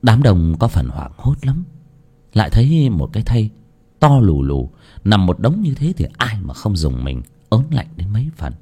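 A man's voice: on the low side, sing-song, normal speed, dark tone, slightly rough. Man telling a dramatic ghost story. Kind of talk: horror story narration.

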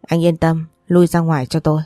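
A woman's voice: deep voice, little pitch movement, a little fast, mellow, dry recording, clean studio sound, close to an everyday voice. A woman reading the part of a stern, commanding elderly grandmother in an audiobook, with a scolding, authoritative manner.

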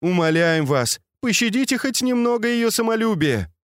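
Fawning maidservants beg their mistress for mercy, put on by a male audiobook reader. The voice is high, imploring and recorded dry. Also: sing-song, normal speed, dry recording. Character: group of kneeling maidservants begging for mercy.

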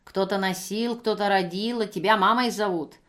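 A woman reader voicing a brazen drunk vagrant woman who shouts shrilly and wails. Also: medium pitch, steady tone, normal speed, lightly acted. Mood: shrill demanding.

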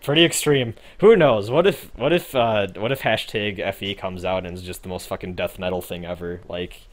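A young man with a low-pitched voice co-hosts a gaming podcast at a moderate pace. He chats in a rambling, laid-back way, swearing often and using lots of fillers.

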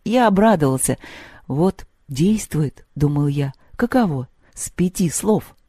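Low, dark-voiced woman reading a story. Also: animated, unhurried, husky, no room sound, studio quality. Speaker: audiobook reader. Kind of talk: scripted literary narration.

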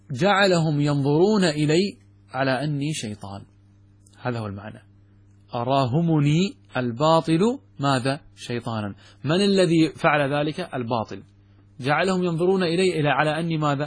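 A man teaching Arabic grammar from a classical text, with a Gulf Arabic accent, asking and answering his own questions and saying example words slowly with stress. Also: fairly high pitch, lively intonation, breathy edge. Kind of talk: explaining a grammar text in a lesson.

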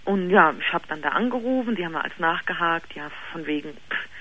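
A woman's voice: on the low side, animated, bright, forceful tone, low-quality recording. Hesitant young woman caller. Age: 20s. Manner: hesitant, halting, with many fillers and restarts. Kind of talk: radio call-in conversation. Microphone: telephone.

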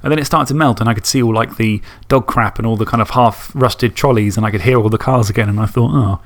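A man's voice: fairly low pitch, fast talker. A man co-hosting a podcast in casual, rambling, self-mocking chat. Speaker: podcast co-host.

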